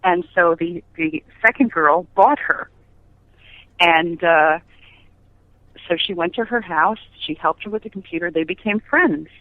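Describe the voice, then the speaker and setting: An unhurried, lowish female voice belongs to a middle-aged business founder guesting on a podcast. Her storytelling in this casual interview is emphatic and peppered with rhetorical questions, with no room sound but a tinny phone-line tone.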